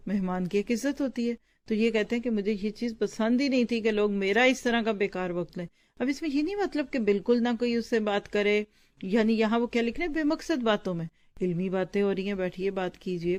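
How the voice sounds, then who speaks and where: A woman's voice: fairly high pitch, a little mellow. A woman Islamic teacher reading from a book to her students and explaining it, stopping to ask and answer what words mean. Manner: pauses to explain word meanings with quick questions to the class; conversational, addresses listeners directly.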